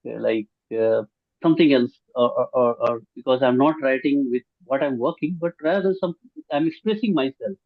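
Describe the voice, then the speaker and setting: Male attendee asking a question, halting and hurried, phone-quality audio. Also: mid-range voice. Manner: hesitant, many fillers, rushes ahead. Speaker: audience member asking a question. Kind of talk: online session Q&A. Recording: tinny phone-like call line.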